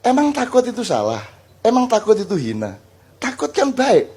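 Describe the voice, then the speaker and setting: An older man preaching to a gathering, animated and joking, acting out little dialogues. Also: high voice, moderate pace, husky. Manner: animated, joking, mixes in Javanese phrases, acts out dialogues. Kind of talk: lively Islamic study talk before a crowd.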